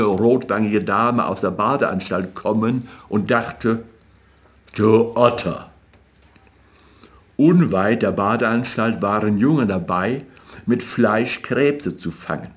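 Slow, measured male audiobook narrator. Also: on the low side, fairly bright tone. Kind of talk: audiobook reading of literary fiction.

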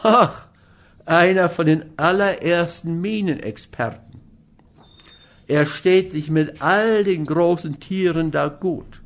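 A man's voice: a little high, takes it slowly, pitched above the performer's own voice. A man reading an audiobook, voicing an eager bystander who gossips and gives advice. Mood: gossipy. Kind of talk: audiobook character voice.

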